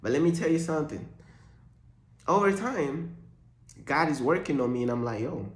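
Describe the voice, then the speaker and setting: A young Ugandan man talks animatedly at a moderate pace in a casual faith vlog monologue, using loose, slangy speech that mixes jokes with preaching. His voice is a little high for a man, and the room is echoey.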